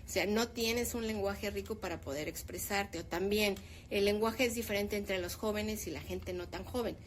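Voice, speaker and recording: A woman's voice: mid-range voice, moderate pace, slight background noise. A woman in her fifties, a teacher, talking about language in a casual discussion and giving her opinions with animation. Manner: opinionated, animated when making a point.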